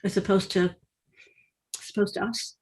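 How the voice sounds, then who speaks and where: A woman's voice: medium pitch, steady tone, normal speed, darkish tone, low-quality recording. Conversational woman legislator. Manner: conversational, laughs easily. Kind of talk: committee discussion.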